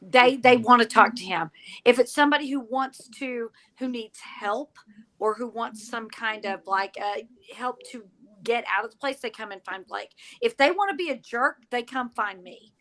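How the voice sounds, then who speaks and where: A woman with a fairly high voice chats as a guest in a casual interview. She is wry and laughs easily. Her speech is conversational and unscripted. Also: normal speed, fairly bright tone. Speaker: paranormal investigator, medium.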